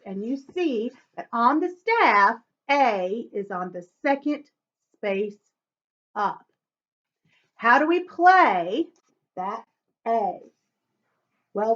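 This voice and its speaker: A woman's voice: high voice, dull audio. Encouraging woman teaching a recorder lesson. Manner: encouraging, chants rhythms aloud. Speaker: music teacher.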